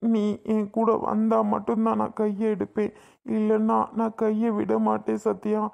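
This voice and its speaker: A woman playing a cartoon ex-boyfriend, young man, begging, insistent, medium pitch. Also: monotone, normal speed, gravelly, warm tone. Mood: pleading. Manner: pleading, insistent. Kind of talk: cartoon voice acting.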